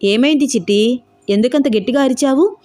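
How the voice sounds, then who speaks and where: A woman voicing a calm young man in a storybook romance, reasoning patiently and persuasively. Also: high-pitched, brisk, voice pushed up, lightly acted. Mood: puzzled.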